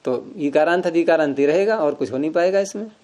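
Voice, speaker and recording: A man's voice: on the high side, brisk, darkish tone. A man teaching Sanskrit grammar in an informal class, explaining patiently with everyday examples.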